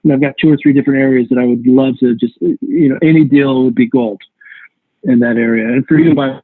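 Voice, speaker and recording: A man's voice: mid-range voice, steady tone, a little fast, no echo. A man teaching real estate investing in a live online workshop, talking conversationally with rambling asides and self-corrections. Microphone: video call. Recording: tinny call audio, dry.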